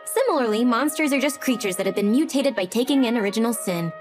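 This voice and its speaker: An actress voicing a brash, tough young woman fighter who talks in a blunt, sarcastic and rough way in an anime dub. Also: fairly high pitch, animated, fast talker, natural voice. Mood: scornful. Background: background music.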